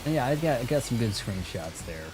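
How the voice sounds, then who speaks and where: A man streams a video game with casual, rambling let's play commentary, talking to himself as he goes. His mid-range voice swings widely in pitch at normal speed, and the background is noisy with game music.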